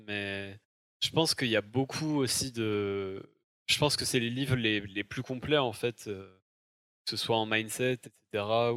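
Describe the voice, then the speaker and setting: Low-voiced man interviewing casually, close and dry. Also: fairly bright tone, dry recording. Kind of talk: casual conversation.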